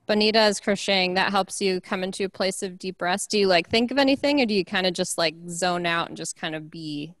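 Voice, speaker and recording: A woman's voice: lowish voice, a little fast, hardly any pauses, a bit bright, no room sound. A woman leading a casual online church group discussion, chatty and saying "like" often. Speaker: worship leader.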